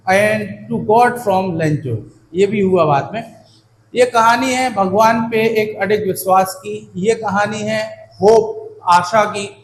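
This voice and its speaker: A man teaching an English lesson in Hindi, warmly encouraging his students and checking in often with "theek hai na," slowing down to spell out English words and their meanings. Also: sits high. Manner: affectionate and encouraging, addresses students as children and "beta"; slows right down for English phrases and word meanings. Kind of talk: Hindi-medium exam-prep lesson. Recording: echoey room with faint background hum.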